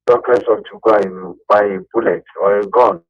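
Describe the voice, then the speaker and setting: A man calling in to a radio show, speaking haltingly and searching for words. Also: fairly low pitch, steady tone, dry recording. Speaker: caller. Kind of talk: call-in radio speech. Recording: muffled call line with faint music.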